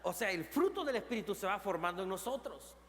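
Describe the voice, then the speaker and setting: Male pastor with a Mexican accent, high voice, impassioned sermon with swings from loud to hushed, church reverb. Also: expressive, a little fast. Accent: Mexican Spanish. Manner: preaching with rising intensity, then dropping to a low, soft tone. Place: church sanctuary. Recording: long reverb of a church hall.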